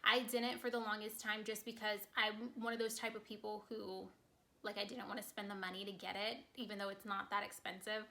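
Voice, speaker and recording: A woman vlogger chatting casually to camera, congested and short of breath, talking very fast. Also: mid-range voice, level tone, creaky, sharp tone.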